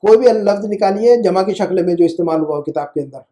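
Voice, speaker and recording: A man's voice: sits high, fast talker, dark tone. A man teaching an Arabic lesson over a video call, patient and repetitive, often checking that his student has understood. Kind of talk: online one-on-one language lesson.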